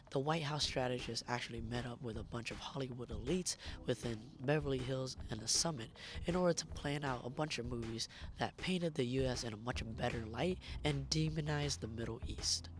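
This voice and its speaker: A man reading a scripted video essay in a hoarse, strained voice that is giving out as he narrates. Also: mid-range voice. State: hoarse, losing his voice. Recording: music behind the voice. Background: background music.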